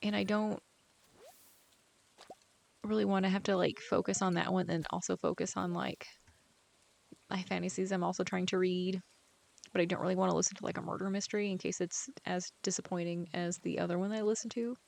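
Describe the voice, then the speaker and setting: A woman's voice: on the low side, level tone, a little fast, vocal fry, pauses often, a little mellow. A woman chatting casually while she plays a game, rambling from thought to thought with lots of "like" fillers and sometimes dropping almost to a whisper. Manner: rambling, chatty, heavy use of "like". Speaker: author playing a farming game. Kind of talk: casual gameplay chat.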